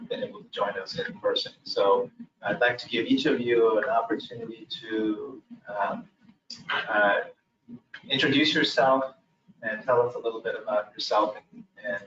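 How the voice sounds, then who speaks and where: A man chairing a public commission meeting, reading procedural items and pausing often on "uh". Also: mid-range voice, a bit bright, a little hiss or hum. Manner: procedural, with frequent "uh" pauses. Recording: echoey room, mic far off, dull sound.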